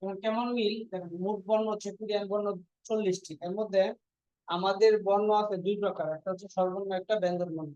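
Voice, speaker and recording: A woman's voice: mid-range voice, steady tone, quick pace, mellow, no echo. A woman teaching a classroom lesson, going over each point and asking her students to repeat it back. Her voice sits in an ordinary middle range. The recording is dull and lo-fi, and very dry. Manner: drills students with repeated quiz questions. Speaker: language teacher.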